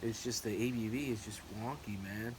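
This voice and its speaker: On a noisy recording with clicks, a man with a lowish voice talks at normal speed in a casual vlog chat. He rambles, repeats himself, and hesitates, much like a home-brew vlogger.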